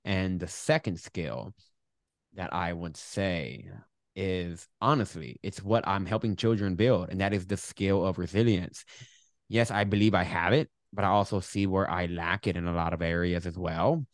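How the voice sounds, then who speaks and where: A man's voice: deep voice, normal speed, no room sound, clean studio sound. Lisping man, R sometimes like W. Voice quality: lisp on S sounds; R sometimes sounds like W. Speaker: guest, public speaker. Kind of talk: conversational interview, explaining with acted-out examples.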